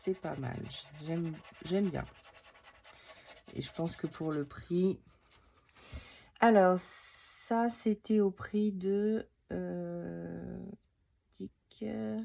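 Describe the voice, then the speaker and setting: A woman's voice: on the low side, drawn-out words, creaky, long pauses, warm tone. A woman vlogging a casual craft haul at her table, thinking aloud with lots of hesitations as she demonstrates products. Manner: reads out product details while handling items.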